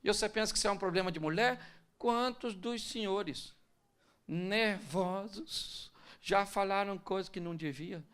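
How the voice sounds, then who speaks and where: A man's voice: high voice, a little slow, a bit bright, clean tone. A male pastor preaching a conversational sermon to couples, joking and acting out little scenes.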